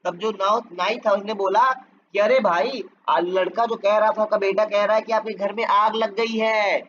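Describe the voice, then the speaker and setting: A man, reading each line slowly before explaining it at length. The audio is muffled, with a faint hiss behind him. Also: high-pitched, steady tone, a bit bright. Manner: reads English lines slowly, then explains at length. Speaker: teacher. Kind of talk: Hindi explanation of an English lesson.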